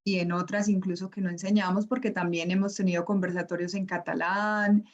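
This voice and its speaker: A woman's voice: fairly low pitch, flat delivery, fast. A woman who coordinates a language program, giving a welcoming, formal introduction on a video call. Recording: muffled lo-fi call audio.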